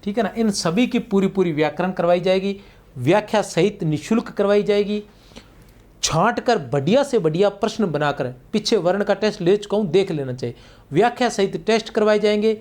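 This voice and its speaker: Brisk and high-pitched with a darkish tone, this male teacher runs a grammar class for exam preparation. His explanations are patient and repetitive, he draws out important words while writing on the board, and he often checks on his students with "theek hai na."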